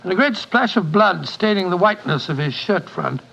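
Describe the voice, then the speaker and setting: Doctor Watson, high-pitched, earnest, British. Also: male voice, lively intonation, moderate pace, gravelly, bright, forceful tone, breathy edge, full character voice. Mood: sombre storytelling. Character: earnest, hesitant English doctor, gentlemanly companion. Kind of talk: 1940s radio acting. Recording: dull, noisy 1940s radio recording.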